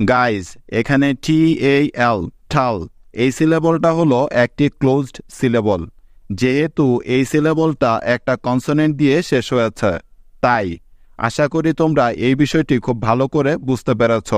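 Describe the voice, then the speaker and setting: A man teaches English phonics in a steady, mid-pitched voice. He explains each step patiently and checks in with his learners. The recording is close and dry. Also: no room sound. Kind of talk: phonics lesson for viewers.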